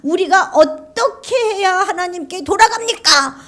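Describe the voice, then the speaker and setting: A woman preacher acting out the indignant, complaining voice of a crowd of ancient people, high and whiny. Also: animated, measured pace, a bit bright, heavily acted. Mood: protesting.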